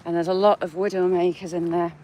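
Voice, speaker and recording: A woman's voice: lowish voice, little pitch movement, fast talker, highs cut off, a little hiss or hum. A woman with a northern English accent, chatting to her viewers by name while walking outdoors in the countryside. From England. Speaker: vlogger. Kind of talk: casual live-chat walk vlog.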